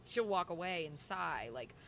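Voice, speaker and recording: Bright-voiced woman laughing through stories. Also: on the low side, normal speed, gravelly, a little hiss or hum. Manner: laughing, animated storyteller. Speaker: podcast guest. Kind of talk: casual conversation. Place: outdoor courtyard.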